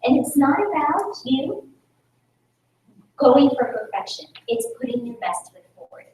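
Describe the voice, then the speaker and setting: A Filipino woman with a high-pitched voice, a native Tagalog speaker, speaks at a measured pace during a public speaking talk with Q&A at a club meeting. She's energetic and rhetorical, repeatedly engaging the audience with questions. Recorded a little distant from the mic in a very echoey meeting room, with faint noise under her voice.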